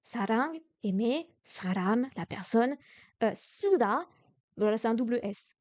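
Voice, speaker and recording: A woman's voice: fairly high pitch, lively intonation, measured pace, a little mellow, no room sound. A young French woman teaching Korean grammar on a live stream, explaining patiently with many hesitations and restarts, sounding tired. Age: young adult.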